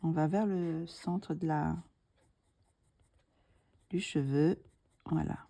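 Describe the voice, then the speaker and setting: A middle-aged woman guides viewers through a coloring tutorial in a slow, gentle voice, musing aloud and often sinking to a whisper. She has a deep, creaky voice with fairly steady intonation.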